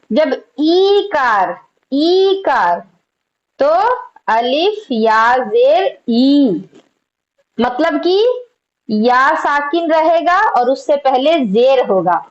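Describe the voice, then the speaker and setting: High-voiced woman teaching an Urdu class. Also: highs cut off. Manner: patient explaining, quizzing students with questions. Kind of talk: online class lesson.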